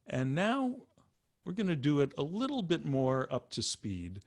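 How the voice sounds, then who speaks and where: Male meditation teacher, slow and patient, mid-pitched, dry sound. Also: wildly swooping pitch, a little mellow, no room sound. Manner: unhurried, patient explaining. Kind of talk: instructional talk.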